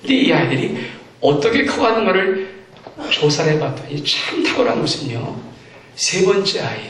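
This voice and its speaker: A man's voice: high-pitched, fairly bright tone, slight background noise. A man preaching a sermon as pastor, acting out parents and children as he talks. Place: church sanctuary. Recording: echoey church hall, distant mic.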